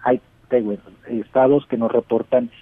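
A man's voice: mid-range voice, steady tone, normal speed, husky, no room sound. A man with a Mexican accent, an expert guest giving analysis in a news interview. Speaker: expert guest, director of a civic observatory. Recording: dull, dry phone-like radio link.

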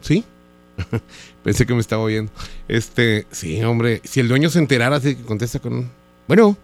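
A man's voice: mid-range voice, steady tone, moderate pace. A Mexican radio host making a prank phone call, teasing and flirty, drawing out his words.

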